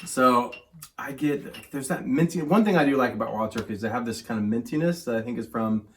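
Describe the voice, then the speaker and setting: Young guy with a hoarse sick voice, chatting through a bourbon tasting, laid-back and rambly. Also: mid-range voice, a little fast, a little hiss or hum. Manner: chatty, laid-back, says "stinking" and "um" a lot. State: hoarse from a cold. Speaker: whiskey reviewer host. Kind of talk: casual whiskey review chat. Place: home man cave, indoors.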